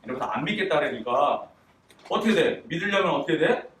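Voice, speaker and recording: A man's voice: on the high side, quick pace. Echoey man preaching to children. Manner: animated, asks children questions, acts out quotes. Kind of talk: children's sermon. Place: church room. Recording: echoey room, distant mic, faint noise.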